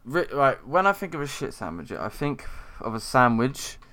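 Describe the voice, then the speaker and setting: A man's voice: medium pitch, sing-song, moderate pace, bright, forceful tone. A man co-hosting a podcast, rambling through crude jokes in casual chat. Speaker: podcast co-host.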